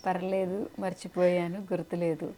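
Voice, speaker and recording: A woman's voice: on the low side, level tone, moderate pace, mellow. A woman interviewing a child actor in a casual chat, playful and teasing.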